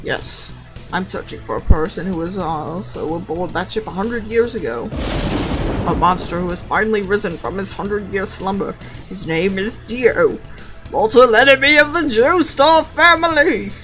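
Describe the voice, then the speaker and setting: A woman's voice: lowish voice, moderate pace, music in the background, natural voice, poor audio. A woman voicing a grave, boastful old grandfather in an amateur anime game dub, with overdramatic bad acting. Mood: dramatic.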